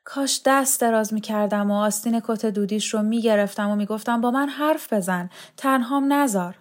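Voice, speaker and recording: A woman's voice: fairly high pitch, natural voice. A woman reading as a wistful grieving young woman. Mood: longing.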